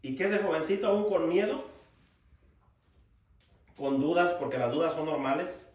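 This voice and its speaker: Pastor, slightly high voice, emphatic sermon with rhetorical questions, heard from far off in a very echoey hall. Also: male voice, normal speed. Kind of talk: sermon to young people. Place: church hall.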